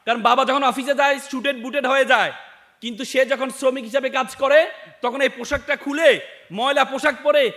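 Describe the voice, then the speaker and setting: A man's voice: very high-pitched, steady tone, fast, pushed and bright. A man giving an impassioned motivational speech to students and parents, repeating phrases for emphasis. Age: adult, has lost his father. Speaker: motivational speaker.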